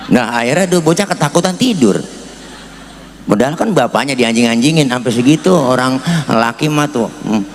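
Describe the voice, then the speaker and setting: A man's voice: medium pitch, expressive, moderate pace, a little hiss or hum. A man with a Betawi accent giving a comic sermon, joking with the congregation, asking them to agree, and slipping into sing-song chanting. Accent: Betawi Malay. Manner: jokey, often asks the crowd for agreement, lapses into sing-song chanting. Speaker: Islamic preacher. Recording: echoey hall reverb.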